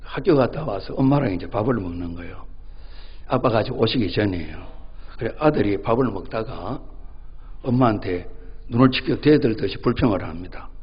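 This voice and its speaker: A man's voice: fairly low pitch, lively intonation, fairly quick, breathy edge. A male pastor preaching a sermon in a conversational way, often asking his congregation questions and acting out family dialogue while telling a joke. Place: church sanctuary. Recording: dull, reverberant church recording.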